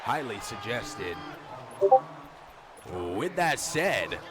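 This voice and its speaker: Male sports commentator for football play-by-play: slow-paced, widely varied pitch, emphatic broadcast delivery. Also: big pitch swings, pushed and bright. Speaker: play-by-play commentator of a football video game league stream. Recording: clear background noise.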